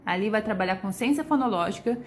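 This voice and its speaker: A woman's voice: mid-range voice, lively intonation, fast talker, slight background noise. A woman with a Brazilian accent, working as a literacy educator, answers viewer questions live in a patient, explanatory way and often checks in with short tag questions. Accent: Brazilian Portuguese.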